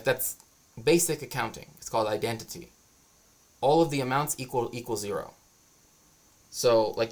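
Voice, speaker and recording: A man streaming as a cultural historian, explaining his views in a casual, rambling monologue. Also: fairly low pitch.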